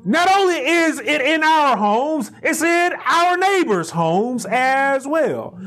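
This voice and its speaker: A middle-aged man preaching a sermon at a pulpit in a small chapel, building to shouted emphasis and repeating his phrases. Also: very high voice, sing-song, slow. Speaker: pastor. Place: small chapel room indoors, standing at a pulpit. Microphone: lapel mic.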